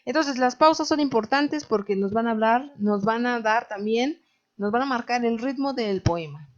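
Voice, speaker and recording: A woman's voice: a little high, normal speed, muffled recording. A woman with a Mexican Spanish accent teaching a literature class, explaining patiently and often checking in with "¿no?". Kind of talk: recorded online class.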